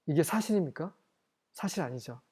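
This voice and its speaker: An English Bible teacher giving a study lecture, reading verses slowly and then explaining them, often asking questions and answering them. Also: medium pitch, lively intonation, warm tone, husky.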